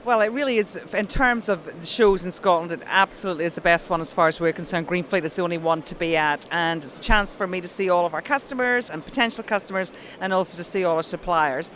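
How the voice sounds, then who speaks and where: A woman's voice: on the low side, quick pace, hardly any pauses, fairly bright tone, a little hiss or hum. A woman with a Belfast accent, an account manager being interviewed at a trade show, speaking in an upbeat, polished manner. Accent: Northern Irish, Belfast. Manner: upbeat, enthusiastic, polished phone-style voice.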